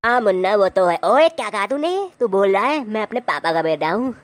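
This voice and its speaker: A man's voice: high voice, expressive, fairly quick, no room sound. A man voicing a blustering, boastful older brother who is secretly a coward. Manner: gruff, blustering, threatening. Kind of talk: comedy sketch acting.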